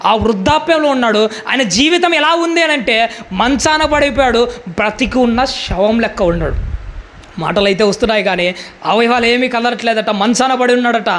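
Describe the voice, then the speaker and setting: A man's voice: extremely high pitch, animated, normal speed, a bit bright. A male pastor preaching a sermon with emphatic rhetorical questions.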